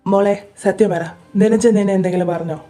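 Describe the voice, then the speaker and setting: Woman playing a protective big brother, coaxing and insistent, mellow tone, audio drama. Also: mid-range voice, fairly even intonation, a little fast, faint music behind, close to an everyday voice. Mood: coaxing concern. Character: caring protective elder brother, young man. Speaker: voice actor in fan audio drama.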